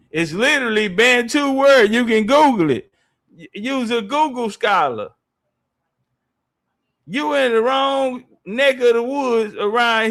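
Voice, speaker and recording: A man's voice: extremely high pitch, a bit bright. A man hosting a live debate stream, confrontational and taunting in slangy speech, repeating phrases for emphasis. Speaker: live-stream panel host.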